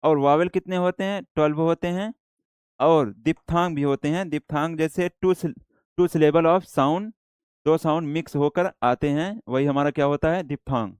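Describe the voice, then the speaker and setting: A man with an Indian accent teaching a shorthand class, explaining slowly and repeating himself, mixing English words into Hindi. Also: fairly high pitch, darkish tone, clean tone, no room sound. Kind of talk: classroom lecture.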